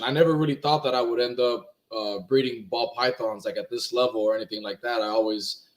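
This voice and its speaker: A young man from Miami whose first language is Spanish, talking casually as a guest with lots of fillers and restarts. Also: medium pitch. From Miami, Florida. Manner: laid-back, rambling, many fillers and restarts. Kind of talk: casual interview talk.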